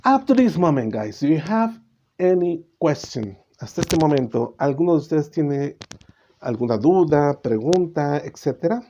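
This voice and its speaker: A man teaching English grammar in a bilingual class, often checking in with "ok?" and slowing down to model English words. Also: fairly high pitch, very animated, mellow. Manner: switches between Spanish and English, checks in with "¿ok?". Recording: slightly dull recording with faint noise.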